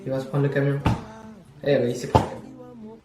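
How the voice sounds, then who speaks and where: A man's voice: medium pitch, lively intonation, a little fast, distant mic, heavy background noise. A young man, chatting casually as he reacts to videos, laughing and repeating himself. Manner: chatty, laughs often, repeats phrases, slangy. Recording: roomy echo, voice set back from the mic.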